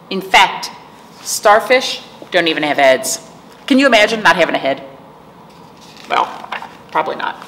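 A middle-aged woman with a medium-pitched, slightly bright voice hosts storytime, chatting with young children and explaining things through frequent questions. She's in an indoor library room with a decorated wall. The room is echoey, and background noise comes through clearly.

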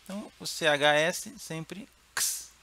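A man from Brazil with a Brazilian Portuguese accent, teaching pronunciation slowly, repeating words and checking in with the viewer. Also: a little high, expressive, bright, forceful tone. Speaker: German teacher. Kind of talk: pronunciation lesson.

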